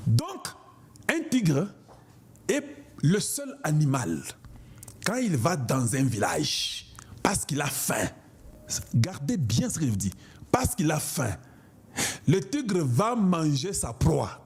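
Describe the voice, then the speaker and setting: A man's voice: on the high side, very animated, takes it slowly, pauses often, slightly rough. A man from Congo, giving an impassioned political monologue in an emphatic, declamatory way and repeating himself for emphasis. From Congo (DRC). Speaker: online political commentator.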